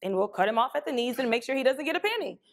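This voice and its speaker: A woman's voice: high-pitched, very animated, rapid-fire. A woman playing a firm but caring partner in her late twenties in stage play dialogue. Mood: firm, chiding. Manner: insistent, chiding, affectionate.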